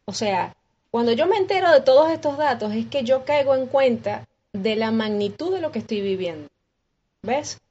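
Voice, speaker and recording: A Venezuelan woman with a Venezuelan accent, a guest musician recounting her story in an interview with lively acted-out dialogue and frequent restarts. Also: on the high side, lo-fi sound, slight background noise. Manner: expressive, acts out quoted dialogue with many restarts.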